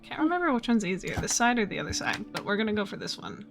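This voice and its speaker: A woman's voice: medium pitch, big pitch swings, fast talker. A woman casually commenting on her own play in a group game. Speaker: player in group gaming session. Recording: music behind the voice. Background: music.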